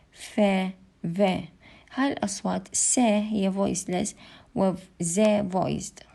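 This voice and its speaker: Gravelly-voiced Iraqi woman teaching English. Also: on the low side, dark tone. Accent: Iraqi Arabic. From Iraq. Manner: mixes Arabic and English, hesitant fillers. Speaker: English lecturer. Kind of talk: recorded online lecture.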